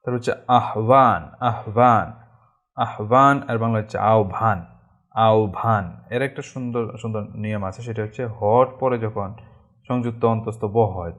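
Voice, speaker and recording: A man with a fairly low voice teaches a language lesson. He goes through the words slowly and patiently and repeats each one several times to model the pronunciation. His asides are relaxed and have casual fillers. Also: lo-fi sound. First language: Bengali. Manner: slow and repetitive, repeating each word for pronunciation. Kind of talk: spoken language tutorial.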